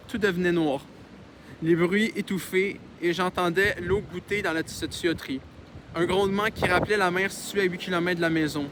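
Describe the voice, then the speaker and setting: A man reads a novel aloud in an easygoing, unpolished way, tripping on words and cutting in with sarcastic, foul-mouthed comments. His voice sits high for a man. He is outdoors, with a faint hum of outdoor ambience behind him. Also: a bit bright. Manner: reads with stumbles and sarcastic, swearing asides. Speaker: audiobook reader. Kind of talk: casual audiobook reading with asides. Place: outdoors in the wind.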